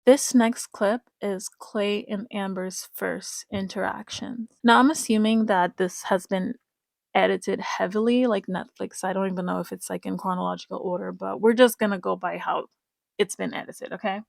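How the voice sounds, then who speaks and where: A woman's voice: mid-range voice, fairly even intonation, normal speed, creaky, no room sound. A woman giving casual, emphatic commentary to her viewers, repeating her points and speaking to them directly. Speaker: reality-show commentator.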